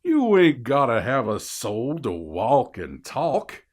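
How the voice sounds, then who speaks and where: A man voicing a mocking, cigar-smoking Satan in an audiobook, with a slow, drawn-out, folksy delivery. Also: mid-range voice, huge pitch swings, exaggerated voice. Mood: smug, matter-of-fact.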